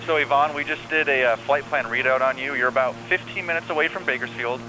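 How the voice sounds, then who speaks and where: A man working as an air traffic controller on the radio, calmly giving reassuring step-by-step instructions. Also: medium pitch, fast talker. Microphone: radio transmission. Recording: air traffic radio with faint hum and noise.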